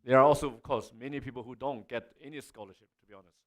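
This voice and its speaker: Man explaining, mid-pitched voice. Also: fairly even intonation, rapid-fire. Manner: explanatory, punctuated with frequent "okay". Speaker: university representative answering questions. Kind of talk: spoken answer at a panel.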